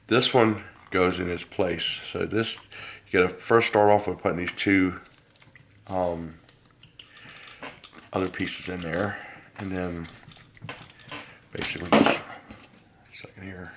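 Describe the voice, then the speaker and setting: A man with a head cold, sounding hoarse, hosting a casual hobby how-to and explaining each step in a relaxed, rambling way with lots of fillers. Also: low-pitched, slow, long pauses. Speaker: host of a hobby garage channel.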